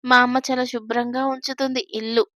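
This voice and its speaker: A woman's voice: a little high, little pitch movement, a little fast, fairly bright tone, no echo, clean studio sound, close to an everyday voice. A woman voicing a timid, innocent young girl bride who chatters anxiously. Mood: innocent fearful.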